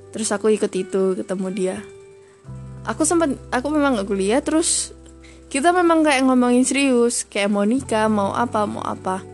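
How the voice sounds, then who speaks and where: A young woman chatting casually through a personal story, retelling it lively and slipping English phrases in. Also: medium pitch. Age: young adult.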